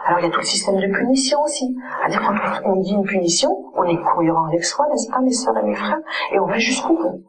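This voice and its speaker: A woman's voice: mid-range voice, lively intonation, fast, heavy background noise. A woman child psychologist giving an earnest conference lecture and often checking in with her audience.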